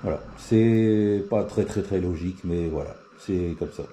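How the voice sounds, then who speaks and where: Low-voiced guy showing his cb radio settings, lots of euh and restarts, faint hiss and clicks behind. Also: measured pace, warm tone. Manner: hesitant, many fillers and restarts. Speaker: CB radio hobbyist demonstrating settings. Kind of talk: casual spoken tutorial.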